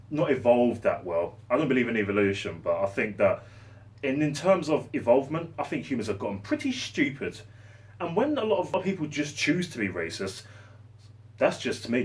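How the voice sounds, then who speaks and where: A man's voice: medium pitch, distant mic. Passionate man ranting. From London. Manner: passionate, rambling, sarcastic. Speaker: vlogger. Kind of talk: opinion rant to camera. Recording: voice set back from the mic.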